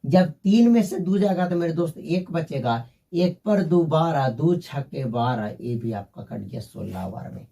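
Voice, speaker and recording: A man's voice: a little high, expressive, unhurried, vocal fry, few pauses, dark tone, distant mic. A man teaching a basic math lesson, working through sums step by step and calling his viewers "my friend".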